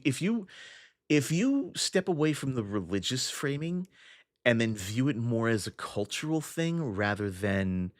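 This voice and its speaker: The speaker is a young man running a casual livestream, working through viewer comments with plenty of fillers and restarted sentences as he thinks aloud. His pitch is medium, and the audio is dry and of studio quality.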